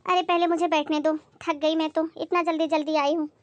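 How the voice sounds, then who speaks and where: A meddlesome neighbor woman, played by a woman, who gossips in a breathless busybody way. Her voice is very high and the sound is close and dry. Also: flat delivery, brisk, dry recording, dull audio. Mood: gossiping.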